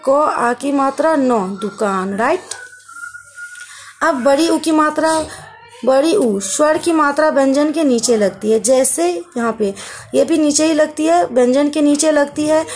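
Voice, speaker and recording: High-voiced, slow-talking woman teacher. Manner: patient, drawn-out sounding of syllables, calls listeners beta. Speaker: primary school teacher. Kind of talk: online Hindi lesson for young children.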